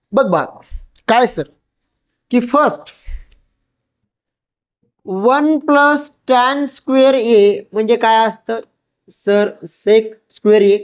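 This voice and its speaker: A woman teaches maths. She goes slowly, step by step, as if explaining to a child. She is patient and reassuring, using pet names and stopping often to ask whether it is understood. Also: fairly high pitch.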